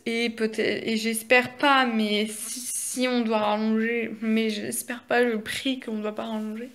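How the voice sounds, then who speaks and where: A teenage girl of sixteen vlogs from home, her fairly high voice picked up by a phone held at arm's length. She chats casually and rambles, full of hesitations and restarts. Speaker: vlogger. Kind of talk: casual chat vlog. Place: at home during lockdown.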